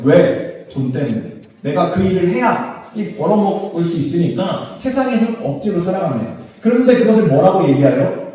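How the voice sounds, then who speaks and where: Man preaching, pastor, lively rising and falling pitch, mellow tone, roomy church hall echo. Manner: asks the congregation questions and answers them. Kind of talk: sermon. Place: church sanctuary. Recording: echoey church hall, voice from a distance.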